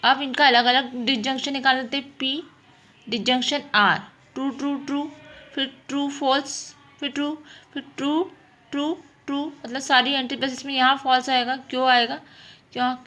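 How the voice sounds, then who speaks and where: In a high, sharp voice that barely rises or falls, a woman teaches math at a normal speed. Her lesson is casual and problem-based, explained one step at a time, and she often asks questions only to answer them herself.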